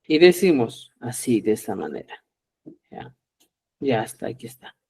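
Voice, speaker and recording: A middle-aged man leads a live online language lesson in a lively, talkative way. He plays both speakers in short sample dialogues, lifting his voice for each question. He keeps checking in with his viewers and calls them dear friends. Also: medium pitch, moderate pace, slightly rough. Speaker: Quechua language teacher.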